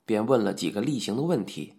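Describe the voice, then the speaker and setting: A man's voice: lowish voice, animated, fairly quick, gravelly, dark tone. A man narrating a novel as an audiobook, telling the story expressively. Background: faint music.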